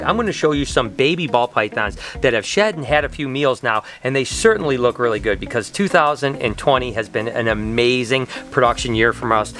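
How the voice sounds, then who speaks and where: A man's voice: mid-range voice, a bit bright. A man presenting a casual vlog as host, enthusiastic and full of folksy exclamations, with faint music behind him. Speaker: host of a reptile breeding vlog.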